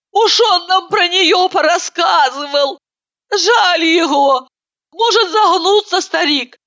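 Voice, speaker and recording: Brief: a woman doing a gushing, tearful heavyset housewife, shrill and very high, lively swings, dull lo-fi sound. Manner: shrill, wailing, exclamatory. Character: plump excitable middle-aged woman, gushing and tearful. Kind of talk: audiobook character voice.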